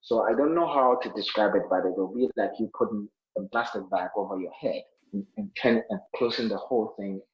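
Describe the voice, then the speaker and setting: A man's voice: fairly low pitch, big pitch swings, fairly quick. A man, a health care worker telling of his own illness in earnest, with many fillers and restarts. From Ghana. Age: 40s. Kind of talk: interview, personal account. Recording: roomy, dull sounding line.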